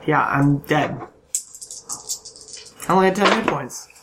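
A man's voice: fairly high pitch, noisy background. A man playing in a tabletop game, cracking jokes and quips. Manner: jokey, quick quips and laughs. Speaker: player. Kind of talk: casual tabletop game chat.

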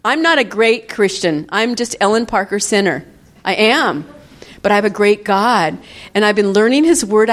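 A woman in her fifties telling a personal testimony in church, in an animated, chatty storytelling way with frequent laughter. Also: fairly high pitch. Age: 50s. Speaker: church member giving a testimony.

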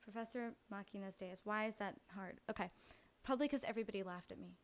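A woman's voice: medium pitch, quick pace. A woman voice actor in recording session outtakes who stumbles over her lines and swears at her own slips.

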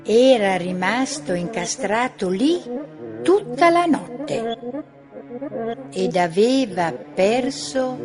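A woman narrating a children's storybook in a slow, expressive reading voice. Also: a little high. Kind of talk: children's story read-aloud. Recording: music bed under the voice.

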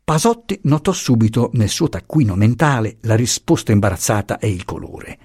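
A man narrating a classic novel as an audiobook, measured and expressive, recorded close on a studio mic. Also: on the low side, breathy edge, no room sound.

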